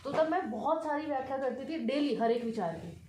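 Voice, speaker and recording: A woman's voice: sits high, expressive, brisk, dark tone, roomy sound, a little hiss or hum, poor audio. A woman in her thirties from India, a civil servant giving earnest, conversational exam advice. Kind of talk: casual advice talk.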